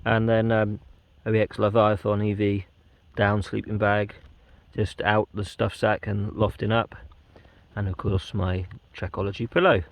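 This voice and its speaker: Gravelly-voiced man vlogging outdoors. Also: on the low side, unhurried, no room sound. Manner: relaxed, chatty, lots of ums. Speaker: wild camping vlogger. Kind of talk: casual outdoor vlog narration. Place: outdoors on a windy hillside.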